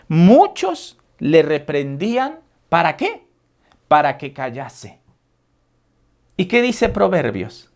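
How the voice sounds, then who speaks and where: Woman preacher, unhurried sermon delivery, storytelling with rhetorical questions. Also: fairly high pitch, gravelly. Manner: addresses listeners as brothers and sisters with rhetorical questions; retells the Bible story in a slow, deliberate storytelling way.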